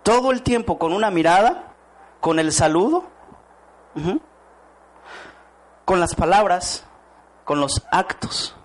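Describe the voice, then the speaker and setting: Man, motivational speaker, slightly high voice, rhetorical questions. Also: lively intonation, slow pace, long pauses. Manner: rhetorical questions to the audience, acts out quoted voices. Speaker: network marketing speaker. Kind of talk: motivational talk to a live audience.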